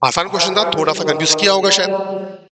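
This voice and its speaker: A man's voice: sits high, steady tone, quick pace, crowd noise. A man teaching a live online maths class, explaining step by step, repeating key points and joking with the students. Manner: chatty, jokes with students about the live class.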